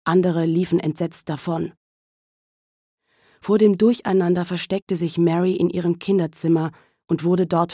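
A woman narrating a novel as an audiobook in a calm, measured storytelling manner. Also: lowish voice, husky, no echo, studio quality. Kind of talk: scripted narration.

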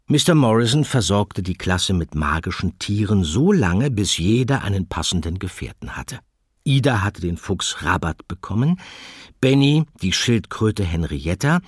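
A man narrating a children's audiobook in an expressive storytelling manner. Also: sits low, slightly rough, no room sound, clean studio sound.

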